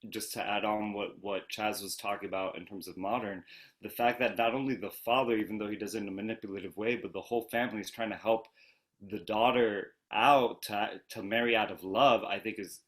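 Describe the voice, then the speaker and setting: A man's voice: lowish voice, fairly even intonation, brisk, fairly bright tone. A male cast member on a video call, speaking earnestly and restarting phrases in a casual panel.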